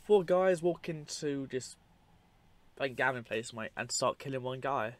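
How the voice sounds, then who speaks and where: A man's voice: mid-range voice, expressive, a little slow. A man giving casual, unscripted commentary over clips, rambling and matter-of-fact with dry asides. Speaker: narrator of a film clip compilation.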